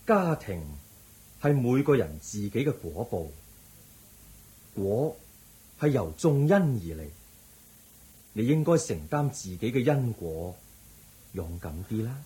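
A man acting the Buddha in a radio drama as a calm, compassionate teacher, measured and gently firm, with a Hong Kong Cantonese accent. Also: mid-range voice, rough recording. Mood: firm, consoling.

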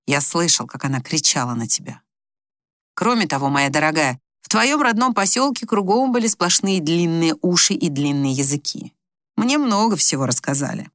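A teasing, level-headed doctor husband, as a woman reader lowers her voice for him. He jokes drily and reassures in a steady, grounded tone. The recording is close and dry. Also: no echo. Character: wry, teasing male doctor husband, patient and calm. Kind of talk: audiobook character reading.

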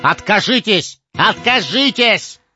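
A man's voice: mid-range voice, fairly even intonation, moderate pace, lightly acted. A sly young mage, put on by a male narrator, urgent and ingratiating, hammering out the same warnings. He sounds a little distant and heightened, set in dull lo-fi audio with music beneath. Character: cunning young male mage-servant, insistent.

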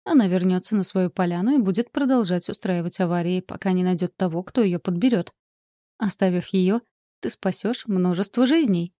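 Woman playing a stern aristocratic count, calm, measured, instructive, low dry voice. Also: no echo, close to an everyday voice.

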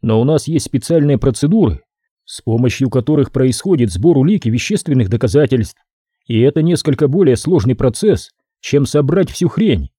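A weary, restrained detective, read by a male narrator close to his own voice. He speaks in a dry, measured, faintly sardonic way. The tone is very dark and husky, in a dead, dry booth. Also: medium pitch, animated, no room sound. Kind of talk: audiobook character voice.

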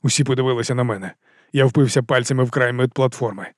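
Fast, dry-voiced male audiobook narrator. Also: medium pitch, no echo. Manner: brisk, matter-of-fact delivery. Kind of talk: first-person audiobook narration.

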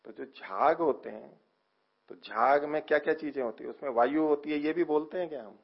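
A man teaching a scripture lecture, explaining slowly, asking questions and answering them himself, often trailing off softly at the ends of phrases. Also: on the high side, creaky, husky, dull audio. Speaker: teacher of philosophy.

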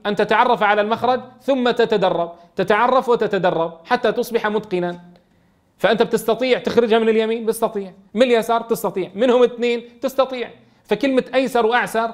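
A man teaching Quran recitation, reading a classical text slowly and explaining it with questions to his students. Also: high voice. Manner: reads quoted verses slowly, then explains in dialect with rhetorical questions.

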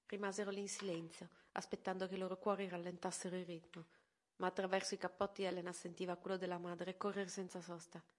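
Donna che legge un romanzo ad alta voce. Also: female voice, lowish voice, little pitch movement, fast talker. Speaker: volunteer reader. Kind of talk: reading a novel aloud.

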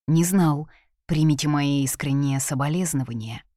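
A courtly man in his forties speaks slowly and gently, every word measured, as a woman narrator reads him. The voice sits low. The sound is dry and close. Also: no echo, lightly acted. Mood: polite.

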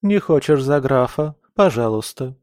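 A man's voice: medium pitch, animated, unhurried, a little mellow, no echo, studio quality, close to an everyday voice. A man voicing a domineering, cold noble mother who scolds and commands her daughter in an audiobook. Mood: stern. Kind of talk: audiobook character voice.

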